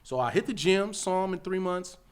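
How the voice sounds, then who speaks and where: La guy on a podcast, fairly high voice, acts out every quote, gets loud and laughs a lot. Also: animated, a little fast, clear, resonant tone. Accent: Los Angeles. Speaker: podcast guest, actor. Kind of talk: animated storytelling.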